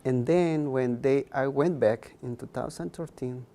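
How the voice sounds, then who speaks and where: A young adult man from Guatemala, whose first language is K'iche' Mayan, speaks earnestly as an interview guest. His mid-range voice has a dark tone and a measured pace, and he repeats words for emphasis.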